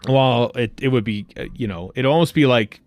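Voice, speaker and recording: A middle-aged man co-hosting a podcast in casual chat, animated and jokey, quick to exclaim. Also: medium pitch, no echo. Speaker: podcast co-host.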